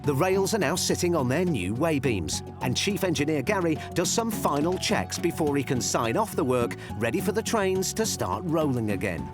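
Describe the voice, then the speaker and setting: Male narrator, scripted documentary read, animated intonation, music underneath. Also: on the high side, moderate pace, few pauses. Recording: music behind the voice. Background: background music.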